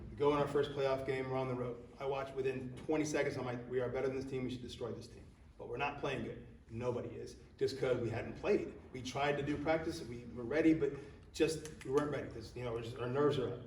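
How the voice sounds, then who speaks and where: A man speaking as a high school soccer coach at a banquet, telling loose stories and acting out the quoted lines. His voice sits at a middle pitch, and the recording is roomy, with him standing back from the mic. A faint hiss runs underneath. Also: a little mellow. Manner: storytelling, acts out quotes. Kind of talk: banquet award speech. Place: banquet hall. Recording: echoey hall, speaker far from mic.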